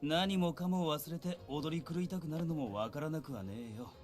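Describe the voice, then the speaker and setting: An actor playing an easygoing, tough samurai captain in a visual novel, with casual, rough masculine speech. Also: male voice, a little high, very fast, over music, natural voice. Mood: wry. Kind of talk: Japanese visual novel voice acting.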